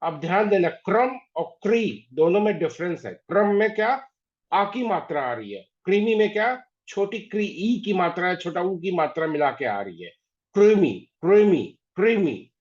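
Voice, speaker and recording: A man teaching an online class, patiently repeating words slowly to drill pronunciation. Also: high-pitched, sing-song. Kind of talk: online class on Hindi spelling. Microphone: video call. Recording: dull lo-fi video call audio.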